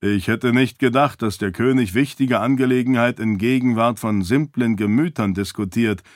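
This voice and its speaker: A man's voice: mid-range voice, moderate pace, dry recording, lightly acted. A condescending schemer with a heavy foreign accent, as read by a man. He is snide and smug, recorded dry and close for a storybook.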